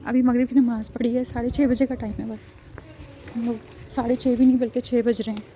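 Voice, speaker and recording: A woman's voice: on the high side, level tone, moderate pace, long pauses, dark tone. A young woman, chatting casually to her viewers in a family vlog. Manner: chatty, addresses viewers directly. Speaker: family vlogger.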